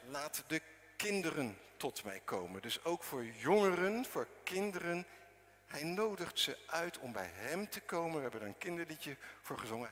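Male preacher, slightly high, very lively pitch, earnest sermon delivery, long church reverb. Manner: earnest, addresses the congregation directly.

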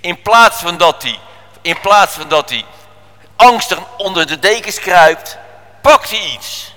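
A preacher telling a children's story in a church service, animated, swinging from whispers to shouts. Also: male voice, high voice, slow pace. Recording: echoey church hall.

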